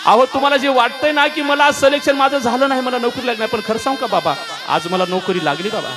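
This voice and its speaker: A man's voice: extremely high pitch, quick pace, music in the background, pitched above the performer's own voice. A man voicing a tearful young man who earnestly thanks his father, repeating himself as he pleads.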